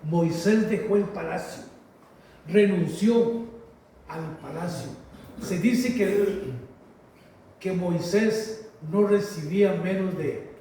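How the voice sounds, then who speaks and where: A man preaching a sermon in a slow, emphatic way, repeating phrases and calling listeners brothers, with a heavy cathedral-like echo. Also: high voice, mellow. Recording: very echoey hall, voice from far off, faint noise.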